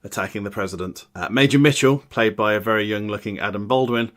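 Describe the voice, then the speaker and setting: A man with a slightly low voice recaps a film scene by scene for a casual podcast. He slips in dry, deadpan asides between plot points. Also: fast talker.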